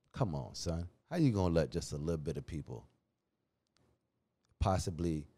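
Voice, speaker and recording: A man hosting a podcast, talking casually and heatedly in slang, his pitch jumping when he gets worked up. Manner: animated, slangy, calls listener "dog"; restless pitch, rises sharply when worked up. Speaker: podcast host. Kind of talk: casual opinion talk.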